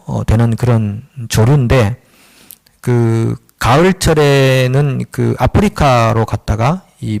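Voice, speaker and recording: Animated male pastor preaching. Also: on the high side, vocal fry. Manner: animated, acts out dialogue with God and Moses; chuckles at himself, conversational. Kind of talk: sermon.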